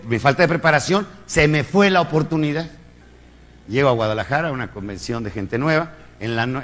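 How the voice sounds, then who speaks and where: Mexican man, motivational speaker, emphatic preaching delivery, rhetorical questions, fairly high voice, long hall reverb. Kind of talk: live motivational lecture.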